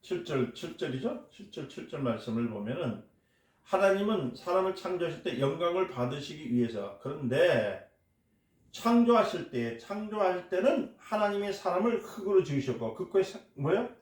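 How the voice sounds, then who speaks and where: A man's voice: on the high side, very animated, normal speed. A man preaching a sermon as a pastor, stressing points and asking his congregation questions. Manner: emphatic, asks the congregation questions and answers them. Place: church hall. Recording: echoey church hall.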